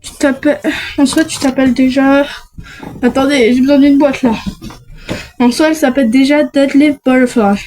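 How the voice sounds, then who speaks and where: Chatty high-voiced woman unboxing toys. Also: steady tone, moderate pace, mellow, rough recording. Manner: chatty, self-talking, frequent restarts. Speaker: unboxing vlogger. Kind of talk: casual unboxing chat.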